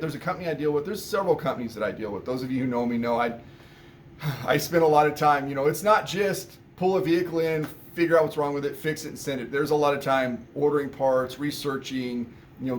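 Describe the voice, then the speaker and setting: A man's voice: fairly high pitch, a little hiss or hum. A man who owns an auto repair shop, talking casually in a rambling way about what's going on at his shop. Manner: rambling, conversational, many restarts and fillers. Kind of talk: casual shop update vlog.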